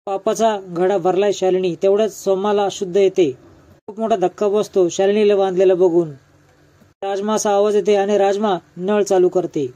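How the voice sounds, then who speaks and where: A man narrating a recap of a television serial episode in a steady, even retelling that weaves in quoted dialogue. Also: high voice, moderate pace.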